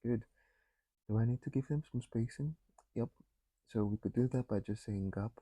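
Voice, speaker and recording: A man talking himself through a coding tutorial, thinking aloud with frequent pauses and fillers. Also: mid-range voice, dark tone, no room sound, rough recording. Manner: thinking aloud, many ums and restarts. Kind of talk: casual screen-recorded coding walkthrough.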